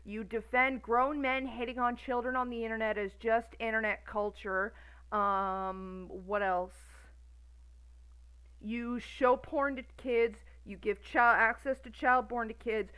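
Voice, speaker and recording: A woman's voice: on the high side, fairly even intonation, slow, pushed and bright, clear, resonant tone, poor audio. Sweary, sarcastic woman in her thirties. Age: 30s. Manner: profane, sarcastic, exasperated. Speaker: streamer. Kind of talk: casual ranting commentary.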